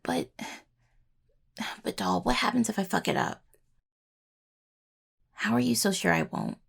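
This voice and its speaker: As an anxious, sweet necromancer healing student in intimate roleplay audio, a young adult woman sounds anxious and apologetic. She uses a full character voice that's mid-range, a bit bright, gravelly and creaky, going a little slow with a hesitant, rambling, casual delivery.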